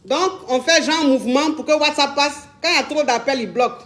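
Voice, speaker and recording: A woman with a high, slightly bright voice talks fairly quickly while hosting a casual live stream on her phone in Dubai. Chatty and repetitive, she promotes a product, takes calls, and speaks to her viewers affectionately.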